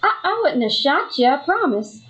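A woman's voice: high-pitched, very animated, moderate pace, fairly bright tone. A woman voicing a scheming impostor wife in a parody soap opera, speaking in a melodramatic way. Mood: pleading. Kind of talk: parody radio soap acting.

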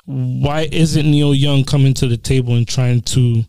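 A man's voice: medium pitch, steady tone, measured pace, dark tone, smooth, dry recording. A man co-hosting a podcast who argues his points and pushes back with pointed questions. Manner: argumentative, asks pointed questions. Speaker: podcast co-host. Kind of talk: casual podcast chat.

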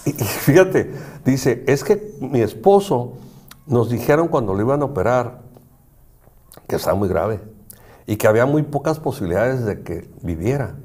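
On a conversational talk show, a male psychology professor speaks earnestly and explanatorily, acting out things people said to him. His voice is medium-pitched and somewhat dark in tone, with lively intonation and a normal speed.

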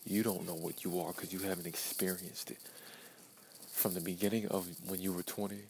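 A man in his early twenties gives himself a blunt, profane pep talk as a podcast monologue, repeating phrases for emphasis. His deep, gravelly voice is brisk and flat in delivery. The recording is rough, with a little hiss or hum.

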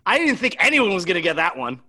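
Man, casual chat, bright tone, animated pitch, laughs a lot. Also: fast talker. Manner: laughing, easygoing. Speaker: quiz game player.

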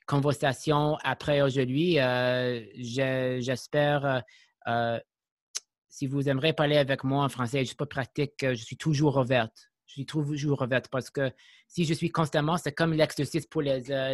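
A man hosting an interview in French, his second language, speaking with an English-speaking accent, slowly and hesitantly with many pauses and fillers. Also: mid-range voice, no echo, clean studio sound. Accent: English-speaking learner of French. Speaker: podcast host.

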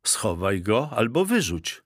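A man voicing a timid male guinea pig who talks in a squeaky, nervous way. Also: very animated, slow pace, breathy edge, no echo, studio quality, full character voice.

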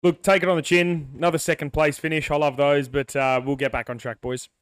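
A young Australian man co-hosting a sports podcast, telling animated, rambling stories. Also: on the high side, a little fast, clear, resonant tone, dry recording. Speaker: podcast co-host. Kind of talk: casual sports podcast chat.

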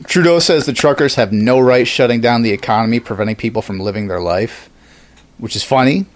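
A man chatting loosely on a podcast, rambling through his points, laughing between thoughts and swearing freely. His pitch sits in the middle of the male range. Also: brisk. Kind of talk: casual chat.

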